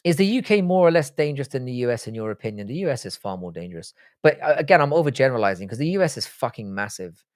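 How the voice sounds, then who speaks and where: A livestream host reads out viewer questions in casual, profane, blunt and joking chat. His mid-range voice swings widely in pitch and moves very fast, recorded in studio quality with no room sound. He was born in Ireland and grew up in the UK.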